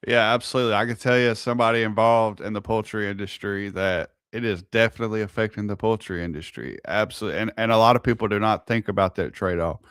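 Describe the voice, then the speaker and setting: A man's voice: fairly low pitch, fast, few pauses, fairly bright tone, smooth, no room sound, studio quality. A man speaking as an interviewer, in an agreeable, conversational manner. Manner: agreeable, affirming.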